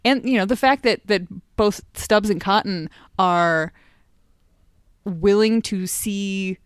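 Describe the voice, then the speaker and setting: A woman's voice: medium pitch, slow pace, clean tone, no room sound. A woman co-hosting a podcast, chatting enthusiastically about a TV episode with the occasional dry, sarcastic aside. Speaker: podcast co-host. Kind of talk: casual chat about an old TV episode.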